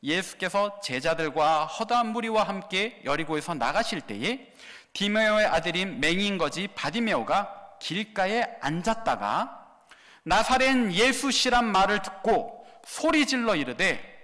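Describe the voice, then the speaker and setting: A man, a pastor, preaching a sermon in a dramatic way with rhetorical questions, swinging from loud to hushed. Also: sits high, animated, measured pace. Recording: long reverb of a large hall.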